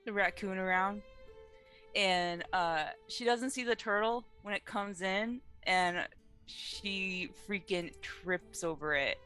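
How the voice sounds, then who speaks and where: A woman playing a tabletop game, telling her turn in a giggly, unhurried way. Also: medium pitch, bright, forceful tone, faint music behind. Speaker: player.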